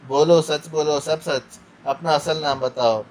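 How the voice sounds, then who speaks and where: A man's voice: on the high side, fairly even intonation, slow pace, darkish tone, slight background noise. A man voicing a cold male interrogator who threatens a captive in an icy tone. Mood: demanding.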